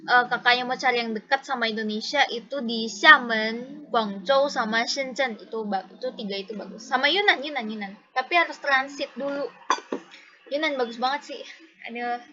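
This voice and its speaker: Bright high-voiced woman tutoring patiently. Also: normal speed, highs cut off. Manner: patient, explains step by step, repeats examples. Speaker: Mandarin tutor. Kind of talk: casual one-on-one lesson.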